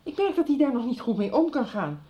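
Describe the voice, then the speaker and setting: In a slightly dull 1990s radio drama recording, an actress voices an anxious, disapproving middle-aged mother of a teenage boy. Her voice sits high and is very animated and fairly quick. She sounds worried and reproachful, firm yet hesitant and evasive.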